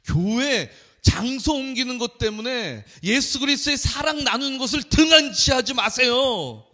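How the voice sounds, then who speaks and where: A man's voice: high-pitched, animated, normal speed, a bit bright. A male preacher quoting an insistent older male professor who earnestly repeats his point.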